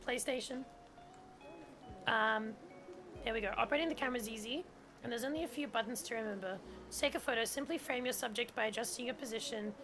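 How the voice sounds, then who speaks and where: A German-native woman with a fairly high, fairly bright voice chats casually on a gameplay stream. She says "like" a lot and reads the on-screen tutorial text aloud.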